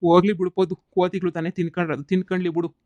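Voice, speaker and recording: A man's voice: high voice, racing, dry recording, natural voice. A man voicing a bossy, teasing village husband who mocks his wife. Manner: mocking, flat drawl, rustic dialect. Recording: slightly dull lo-fi sound.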